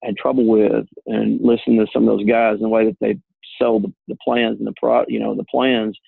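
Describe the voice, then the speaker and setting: A man's voice: on the low side, little pitch movement, fairly quick, creaky, husky, dry recording. A man who works as an insurance agent, explaining things earnestly in a casual talk over a call. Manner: earnest, plain-spoken explaining. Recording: tinny phone line, dry.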